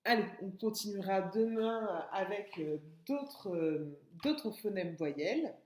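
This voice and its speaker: Slow-spoken teacher woman, echoey. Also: mid-range voice, expressive, darkish tone. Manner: slow, drawn-out word sounding for children. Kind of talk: phonics lesson for young children. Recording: echoey room.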